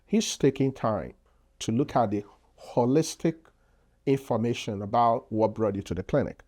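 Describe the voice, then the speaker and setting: A man's voice: mid-range voice, normal speed, darkish tone. A man from Nigeria with a Nigerian accent, a podcast guest and physician, explaining earnestly with frequent fillers. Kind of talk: casual interview talk.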